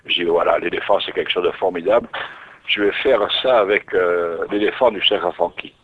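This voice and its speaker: A man's voice: low-pitched, a little fast, breathy edge, no echo. A man telling his story as an interview guest, musing and often restarting his phrases. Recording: tinny narrowband radio recording.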